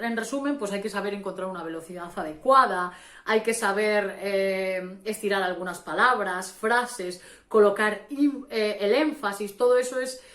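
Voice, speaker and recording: A woman with a Spanish accent giving an informal theatre workshop lesson, explaining with many fillers and restarts. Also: medium pitch. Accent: Spanish from Spain. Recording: echoey room.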